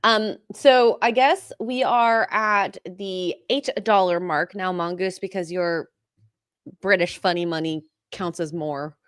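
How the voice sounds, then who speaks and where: A woman's voice: on the low side, takes it slowly, fairly bright tone, smooth, dry recording, studio quality. A woman co-hosting a podcast, chatting casually, reading viewer messages aloud and laughing often. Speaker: podcast co-host.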